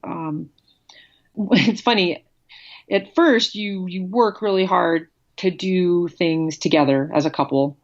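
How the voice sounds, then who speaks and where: Candid, blunt woman guest, slightly low-pitched, on a dull lo-fi recording. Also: slow. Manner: candid, blunt, laughs often. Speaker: guest, former pro cyclist. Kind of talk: casual interview.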